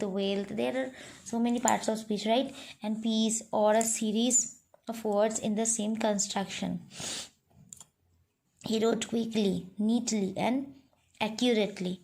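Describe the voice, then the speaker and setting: A woman's voice: fairly high pitch, vocal fry, a little mellow. A middle-aged woman with an Indian English accent, teaching a grammar lesson online to children, patient and repetitive with frequent "you know" and "right?".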